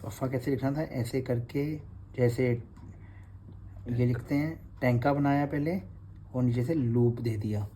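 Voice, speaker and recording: A man's voice: medium pitch, a little slow, dark tone, a little hiss or hum. A man, teaching Gurmukhi letters in a revision class and patiently repeating each sound.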